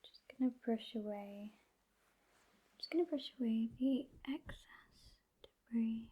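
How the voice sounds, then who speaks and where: Slow breathy woman in whispered role-play. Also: fairly high pitch, low-quality recording. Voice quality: breathy, mostly unvoiced whisper. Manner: gentle, slow, reassuring, close-up ear-to-ear whispering. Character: gentle, reassuring female ear clinician examining a patient. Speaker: ASMR performer playing a medical examiner. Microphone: close ear-to-ear ASMR microphone.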